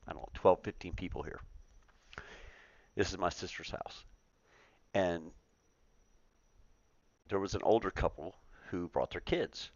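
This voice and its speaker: A man's voice: low-pitched, no room sound, lo-fi sound. A man in his forties hosting a trucking talk show in casual, profane chat, laughing often and repeating himself. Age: 40s.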